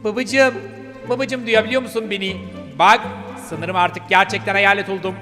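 A man's voice: high voice, steady tone, normal speed, pushed and bright, soft background music, voice pushed up. A man voicing a sweet little ghost puppy girl in a gameplay role-play, pleading and childlike as she keeps calling her father "daddy". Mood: whiny.

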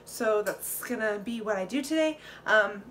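A woman's voice: mid-range voice, lively intonation, moderate pace, fairly bright tone, a little hiss or hum. A young woman chatting casually in her home kitchen vlog, rambling with fillers, recorded on a phone. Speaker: vlogger. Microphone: phone camera.

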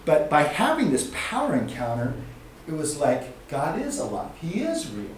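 A man teaching a group through a personal story, slipping into the voices of the people he describes. His voice sits a little high and moves a lot. He is recorded from a distance in a very echoey room with a faint hiss underneath. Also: moderate pace. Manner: acts out quoted dialogue with lively swings in pitch. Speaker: teacher leading a ministry training session. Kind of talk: animated storytelling lesson.

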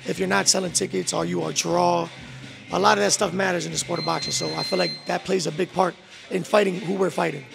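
A young man in his twenties talks quickly and loosely, dropping slang and fillers as he answers an interviewer. His voice is high for a man and heavily gravelly. He speaks into a handheld mic in a boxing gym. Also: music in the background. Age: 20s. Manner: relaxed, street slang, many "bro" and "um". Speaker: professional boxer, guest. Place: boxing gym beside a ring, indoors.

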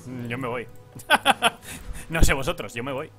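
This young gaming YouTuber from Spain has a medium-pitched, sing-song delivery at a measured pace, pushed and bright. Chatting over his play with a Spanish accent, he laughs, curses the lag, and mock-begs the game, while soft music plays behind him.

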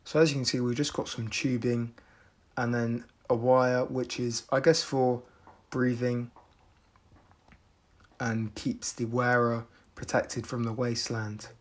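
A British man narrates a casual product review in a mid-range voice, keeping his delivery measured and deadpan.

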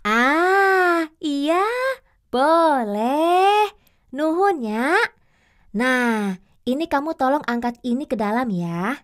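A young woman with a Sundanese accent playing a kind shopkeeper who gives children advice, speaking gently and slowly in a children's TV drama. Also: high voice, expressive, full character voice. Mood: friendly. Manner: gentle, slow, advising delivery.

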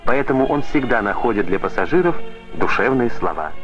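A man reading formal narration for an old 1980s newsreel in a measured announcer manner. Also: medium pitch, big pitch swings. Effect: old 1980s newsreel soundtrack. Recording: dull lo-fi film sound with faint music.

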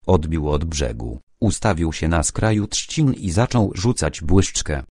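A man narrating a first-person audiobook in a calm, measured way. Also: rumbling low, no echo, studio quality.

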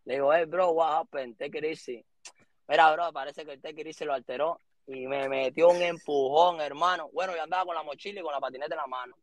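Man, 30s, Cuban accent, slangy animated storytelling, slightly high voice, dry close sound. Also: fast, few pauses, no room sound. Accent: Cuban Spanish. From Cuba. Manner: animated street slang, acts out quotes. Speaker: guest. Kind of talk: casual storytelling interview.

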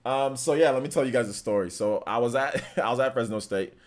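A man in his thirties streams from his gaming room at home, answering chat questions in a loose, casual way. His mid-range voice is brisk, and he laughs a lot and repeats himself.

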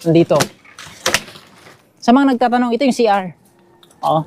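A man's voice: extremely high pitch, lively intonation, normal speed, noisy background. A man with a Filipino accent giving a chatty walk-through of a small bamboo house outdoors, talking to his viewers while filming on a handheld action camera. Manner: chatty, keeps saying "guys", points things out. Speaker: vlogger giving a house tour. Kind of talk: casual walk-through vlog narration. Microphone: action camera held by the speaker.

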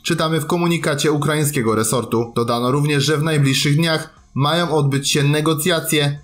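A man's voice: a little high, fairly even intonation, normal speed, a bit bright. A man reading scripted news narration as a voice-over, reporting in a formal written style. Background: background music.

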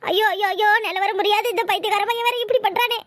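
A woman voicing a flustered, sharp-tongued village mother in a cartoon, with a Tirunelveli Tamil accent, scolding loudly and lamenting theatrically. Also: very high-pitched, fairly even intonation, fast, dry recording, studio quality. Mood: panicked lament.

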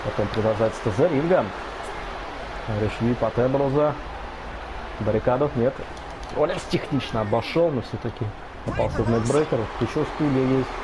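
A man giving excitable wrestling commentary over video game play, exclaiming and repeating his phrases. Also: medium pitch, moderate pace, long pauses. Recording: clear background game noise.

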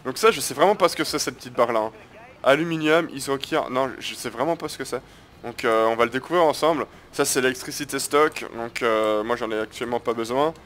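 A man's voice: medium pitch, brisk, fairly bright tone, a little hiss or hum. Man giving crude, chatty gameplay commentary. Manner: chatty, crude slang, keeps addressing viewers as guys. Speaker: gaming video host. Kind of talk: casual live gameplay commentary.

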